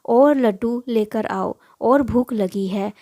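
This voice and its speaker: A woman voicing a spoiled, greedy boy who talks gruffly and demands food, in a storybook reading. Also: a little high, slow, warm tone, dry recording, studio quality. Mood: demanding. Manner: demanding, whiny. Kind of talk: storybook voice acting.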